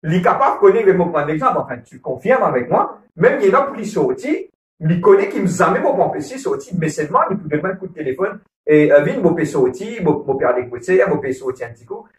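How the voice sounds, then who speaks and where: With a sing-song, fairly high voice and a fast pace, a married man speaks earnestly on a church couples program about marriage. He has a Mauritian Creole accent, repeats his points, and often checks in with "ok?" during this casual talk. The mic sits far away, leaving an echoey, roomy sound.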